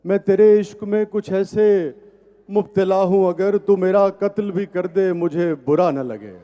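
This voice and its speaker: A man reciting tender romantic ghazals at a live poetry gathering, declaiming each line slowly and repeating it. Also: sits high, highs cut off. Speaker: poet reciting at a mushaira.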